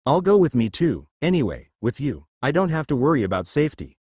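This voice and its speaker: A man's voice: mid-range voice, very animated, brisk, a little mellow, slightly rough, no room sound. Nami, a bold young navigator, read by a man. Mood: eager.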